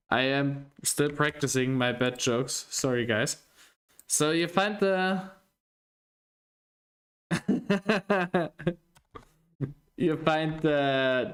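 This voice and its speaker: A man with a hosts a live sim racing broadcast. He speaks at an unhurried, drawn-out pace in a middle pitch, jokey and self-deprecating. His commentary is casual and friendly. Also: a bit bright. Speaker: race commentator and stream host.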